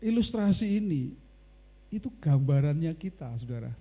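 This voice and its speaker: A male pastor, preaching a sermon as a lively storyteller who keeps addressing the congregation. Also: on the high side, moderate pace, slightly rough.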